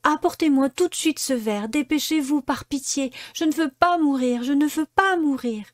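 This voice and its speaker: A woman's voice: animated, normal speed, no echo, clean studio sound, close to an everyday voice. Pinocchio, a woman doing a whiny puppet boy. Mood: pleading. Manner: whiny and pleading, high and loud. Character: cheeky stubborn wooden puppet boy. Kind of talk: storybook reading.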